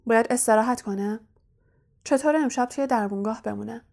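A woman voicing a strict female school professor who speaks in a dry, brisk way in an audiobook. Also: fairly high pitch, vocal fry, darkish tone. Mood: stern.

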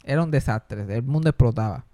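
A man, a comedian on a podcast telling funny family stories in a casual, animated way. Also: medium pitch, a little fast, dry recording. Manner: animated, switching into voices, mixing in English. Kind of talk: casual chat, comic storytelling.

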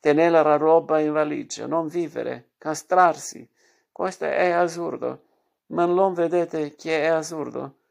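A theatrical, flamboyant woman, voiced by a man reading a storybook, cries out and scolds in a raised, pitched-up voice. There is a gravelly edge under the outburst. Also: a little slow. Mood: indignant. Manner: shouting, pleading, indignant. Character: flamboyant woman record collector, theatrical, weepy.

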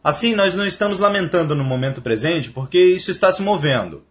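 A man giving a religious scripture lecture, emphatic and lecturing, reciting Sanskrit verses slowly and deliberately. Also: sits high, lively intonation. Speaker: spiritual lecturer. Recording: dull lo-fi lecture recording.

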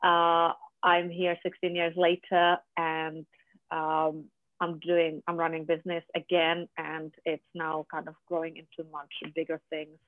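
A guest from Czechia with a Czech accent and Czech as a first language, speaking in a halting way with many fillers and restarts in a conversational interview. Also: mid-range voice, monotone, no echo. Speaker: podcast guest, business founder. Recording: dry, tinny phone line.

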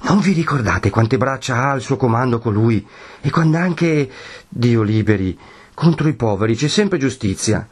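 An anxious mother urging caution in a hushed, hurried voice, only a little above the reader's own, as a male narrator puts her on. She sounds fretful and protective. The medium is an audiobook of a classic novel. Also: lively intonation, breathy edge. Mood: worried. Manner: urgent, lowered voice.

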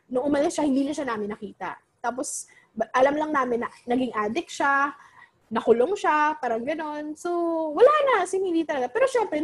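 Young woman, casual storyteller, high lively voice, Filipino-English mix. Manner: animated, Taglish code-switching, many fillers.

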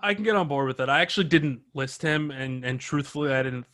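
Male podcast co-host, casual, profane, chuckling, halting delivery. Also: mid-range voice, a bit bright. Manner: profane, laughs often, halting restarts. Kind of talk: casual movie review chat.

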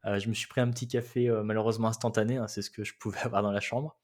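A man from France casually recounting a road trip, chatty and relaxed, with frequent hesitations. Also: on the low side, very fast. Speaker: travel guest. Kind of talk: casual travel storytelling.

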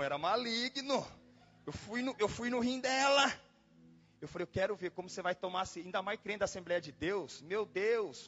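Animated high-voiced preacher telling stories. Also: male voice. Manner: animated, dramatic, exclaims and repeats himself. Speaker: pastor. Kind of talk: storytelling sermon. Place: church. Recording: dull lo-fi sound with faint music.

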